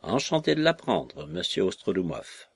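A man reading aloud who voices a shrill, mocking and fawning little lame man, raising his voice to a yelp. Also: sing-song, normal speed, creaky, husky, no echo, full character voice. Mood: ironic. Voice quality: yelping, shrill. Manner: mocking, ingratiating, exclamatory. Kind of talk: audiobook character voice.

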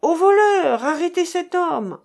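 A woman reading aloud, voicing an indignant middle-aged gentleman who shouts after a thief. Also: mid-range voice, big pitch swings, moderate pace, slightly rough. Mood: alarmed. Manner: outraged cries.

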